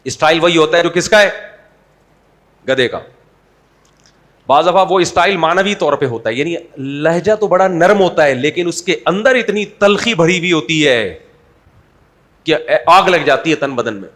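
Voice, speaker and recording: A man's voice: a little high, animated, long pauses, fairly bright tone. A man preaching an Islamic sermon in a conversational, humorous way, asking the audience rhetorical questions. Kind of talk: Urdu sermon.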